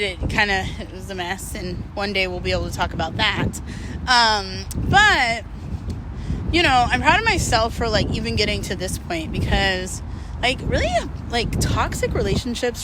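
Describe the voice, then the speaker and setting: With a mid-range voice and heavy background noise behind her, this woman vlogger chats openly to her viewers. Her confessional talk to camera rambles, is self-deprecating and full of swearing.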